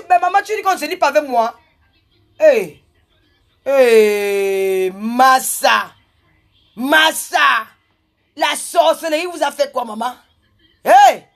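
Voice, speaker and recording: Loud, scolding woman with a high voice, addressing her detractors live. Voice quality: loud, forceful way of talking. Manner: combative, scolding, repetitive. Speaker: social media personality. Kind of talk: ranting live video address.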